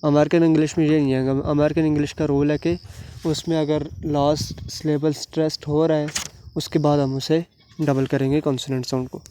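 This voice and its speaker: A man teaching a spoken lesson, explaining rules slowly and deliberately, spelling out letters, with frequent hesitations. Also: fairly high pitch, level tone, warm tone, a little hiss or hum. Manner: frequent hesitations and clears throat. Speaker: English teacher.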